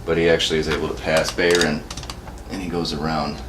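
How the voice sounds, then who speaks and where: Deep-voiced man game master. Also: fairly quick. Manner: casual, rambling with fillers. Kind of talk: narrating a tabletop game. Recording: echoey room, mic far off, steady background noise.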